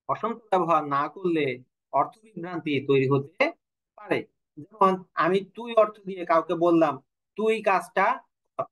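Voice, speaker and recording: A man's voice: high-pitched, fairly bright tone, low-quality recording. A man teaching an online language class, explaining rules, asking his students questions and telling a joke now and then. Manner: explanatory, asks students questions, tells jokes. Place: online class from home or studio.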